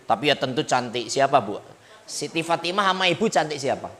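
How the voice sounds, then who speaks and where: A man's voice: a little high, lively intonation, a little fast, sharp tone. A male preacher giving a humorous sermon to a women's gathering, chatty and joking as he speaks directly to his listeners.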